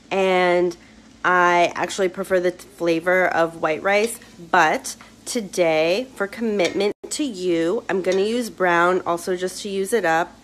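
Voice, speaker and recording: A woman chatting enthusiastically through a casual cooking vlog in her home kitchen, filming on a phone in her hand. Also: lowish voice. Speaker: home cook. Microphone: phone held in hand.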